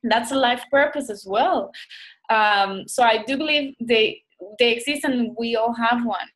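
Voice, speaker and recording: This Costa Rican doctor, a guest, speaks a little slowly in a slightly high, fairly bright voice. The recording is low quality. She reflects as she talks, often restarting while hunting for the right words.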